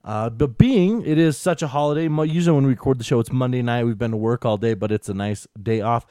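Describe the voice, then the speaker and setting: A man's voice: medium pitch, fast talker, mellow, smooth, no room sound, studio quality. An American man talking casually as a podcast co-host, rambling and earnest, often saying "you know". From United States. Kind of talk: casual tech podcast talk.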